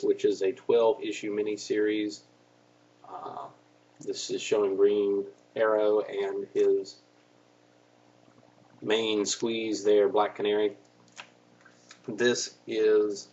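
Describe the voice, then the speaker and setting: A man giving a casual show-and-tell review of comic books in a relaxed way, stopping often with "uh" and "um". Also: on the low side, husky, dull audio. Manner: relaxed, stops often with fillers.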